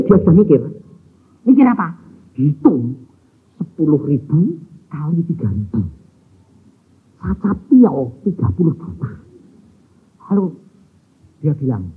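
A man's voice: high-pitched, breathy edge. A male evangelist preaching a sermon, telling a family story and acting out the voices in it. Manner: animated, acts out family dialogue with Javanese phrases. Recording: phone-like lo-fi sound.

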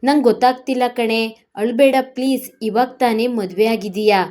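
A woman voicing a joking, friendly young man, the groom's close friend, in a spoken storybook, talking quickly. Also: on the high side, fairly even intonation, a little mellow, natural voice.

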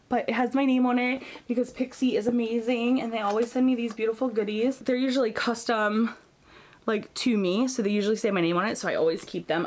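A beauty YouTuber in her thirties, with a slightly high, darkish voice, chats and rambles casually while tidying her beauty shelves indoors, thinking aloud for a cleaning vlog. She drifts toward and away from the camera mic, over noisy room tone with clicks.

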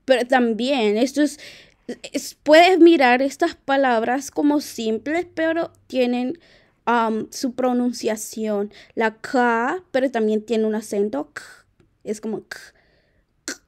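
A young woman, a native Q'anjob'al speaker, giving a casual, friendly language tutorial, often halting and correcting herself. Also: on the high side. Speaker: language teacher on video.

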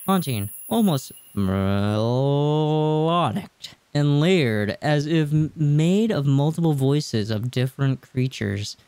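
A gaming YouTuber in his twenties takes his time reading a game's text, his slightly high, darkish voice smooth and lively in intonation, with the occasional casual reaction. The close desk mic captures no room sound, though game music plays in his small home room.

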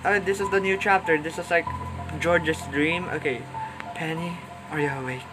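A man's voice: a little high, steady tone, moderate pace, rough recording. A young man giving let's-play commentary on a horror game, nervous and panicky, muttering the same worried words again and again. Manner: nervous, panicky, repeats "oh no" over and over. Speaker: gaming YouTuber. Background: game music.

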